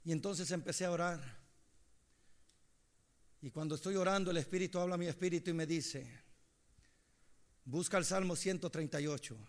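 A man preaching a sermon, moving between hushed storytelling and impassioned shouting. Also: on the high side, moderate pace, pauses often.

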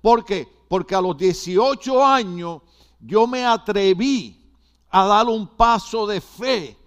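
Older man, pastor's sermon, high voice, repeating phrases, asking the congregation questions. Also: slow pace. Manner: preaching with rhetorical questions and repetition.

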